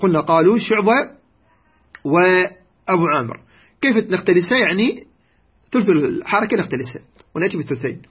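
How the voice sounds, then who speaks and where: A man teaching Quran recitation variants, speaking slowly and deliberately and repeating key words. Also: sits high, expressive, slightly rough. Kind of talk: explanatory lesson on recitation variants. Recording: dull lo-fi recording.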